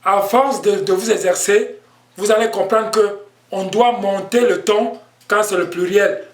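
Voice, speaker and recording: A man's voice: high-pitched, steady tone, echoey room. A man teaching an online language lesson, explaining patiently and repeating himself. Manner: slow, patient explaining with repetitions.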